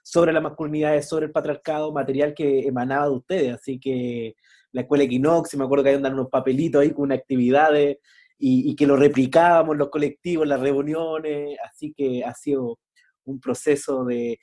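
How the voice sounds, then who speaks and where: A man's voice: medium pitch, steady tone, fairly quick, warm tone. A man from Chile with a Chilean accent, co-hosting and chatting in a colloquial way. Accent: Chilean Spanish. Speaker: co-host. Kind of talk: casual conversation.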